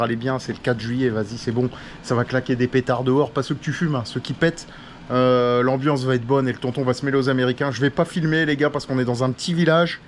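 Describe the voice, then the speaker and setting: A man's voice: medium pitch, slight background noise. A man vlogging casually from his hotel room, chatty and full of slang, talking straight to his viewers and calling himself by a nickname in the third person. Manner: slangy, chatty, addresses viewers as "les gars" and "les loulous". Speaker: travel vlogger. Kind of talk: casual vlog chat to camera.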